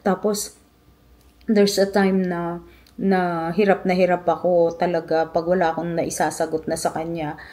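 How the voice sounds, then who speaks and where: Woman, Filipino accent, middle-aged, vlog storytelling, low voice, warm mellow tone, emotional. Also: flat delivery, a little slow, pauses often. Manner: emotional, reflective, mixing Tagalog and English. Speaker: vlogger.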